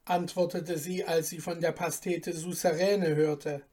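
A woman narrating a fairy tale in a measured, unhurried storybook reading. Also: on the low side, flat delivery, mellow.

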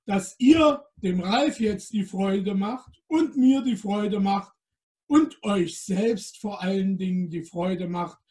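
A man appearing as Santa Claus, reading a storybook aloud to children and talking to them directly. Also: sits high. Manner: addresses children directly, slow and gentle.

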